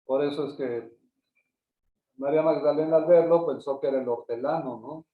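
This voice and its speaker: A man's voice: fairly high pitch, steady tone. Distant, tinny, echoey man teaching scripture. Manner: halting, repeats words, frequent "¿no?" tags. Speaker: pastor teaching a Bible class. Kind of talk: Bible study lecture. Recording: echoey, distant, phone-like sound.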